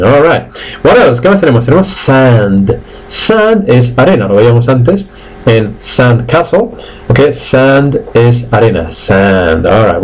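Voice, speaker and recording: Spanish male English teacher, animated pitch, rattles off explanations, slows right down on each English word. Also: husky, low-quality recording. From Spain. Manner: switches between quick Spanish explanations and slow drawn-out English words. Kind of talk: live online English lesson.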